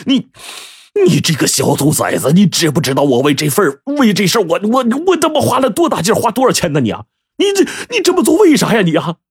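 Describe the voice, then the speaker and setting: A man voicing a furious middle-aged male company boss who shouts and stammers in rage. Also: high voice, very animated, quick pace, slightly rough, no echo, studio quality, voice pushed up, exaggerated voice.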